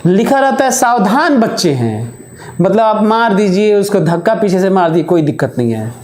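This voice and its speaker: A male physics teacher giving a classroom lecture, speaking slowly and deliberately with held pauses. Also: high voice, expressive, darkish tone. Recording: echoey room.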